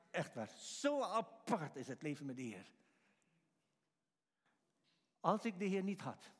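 A man preaching a sermon to a congregation, animated, acting out quotes and chuckling between lines. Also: medium pitch, slightly rough. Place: church. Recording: long reverb of a church hall.

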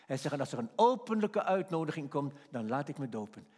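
Animated male preacher in a reverberant hall. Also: a little high, fairly quick. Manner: animated, rising to emphatic peaks. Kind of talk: sermon with personal story.

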